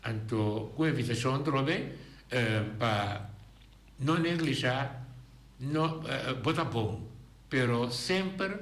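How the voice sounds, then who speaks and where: A man with a Bonaire accent, a singer guest in a radio interview, talking haltingly and repeating his words often. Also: medium pitch, lively intonation, a bit bright, echoey room.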